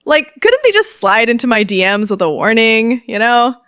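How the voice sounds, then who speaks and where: A woman's voice: fairly high pitch, very animated, moderate pace, fairly bright tone, smooth, dry recording, clean studio sound. A young woman telling a story to her viewers in a chatty, dramatic vlog style, laughing often and using casual slang. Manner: slangy, addresses viewers directly. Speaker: storytime narrator.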